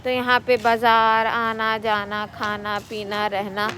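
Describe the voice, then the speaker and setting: A woman's voice: a little high, completely flat delivery, takes it slowly, bright, forceful tone. A middle-aged woman from Pakistan telling her own story in a chatty, rambling way for her vlog. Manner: chatty, rambling, repeats herself. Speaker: vlogger. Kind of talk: casual personal vlog storytelling.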